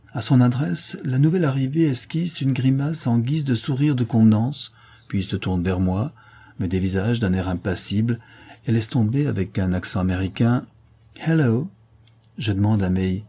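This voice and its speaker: A man narrates a novel in first person with a low, dark voice. His tone is husky and a little breathy, and he reads in a measured, deliberate way. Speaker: audiobook reader.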